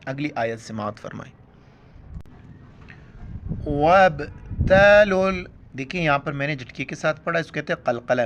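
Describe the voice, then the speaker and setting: A man teaching Quran recitation, explaining letters quickly in Urdu with a Pakistani accent, then chanting verses slowly and loudly. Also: mid-range voice, slight background noise. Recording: dull lo-fi sound.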